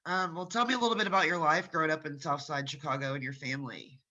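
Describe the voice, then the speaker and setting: A young man from Gallipolis, Ohio, in the United States, interviews a guest in an earnest, conversational way, saying "like" a lot. His voice is on the high side, fast and sharp, and the audio is dull.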